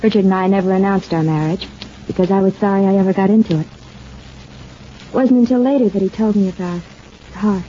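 Woman acting a mellow, sultry femme fatale. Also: medium pitch, steady tone, brisk, pauses often, lightly acted. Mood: defensive, persuading. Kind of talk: old-time radio detective drama. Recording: dull, noisy old radio recording.

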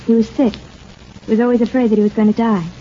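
Woman acting a mellow, sultry femme fatale. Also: a little high, little pitch movement, quick pace, lightly acted. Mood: defensive, persuading. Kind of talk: old-time radio detective drama. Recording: dull, noisy old radio recording.

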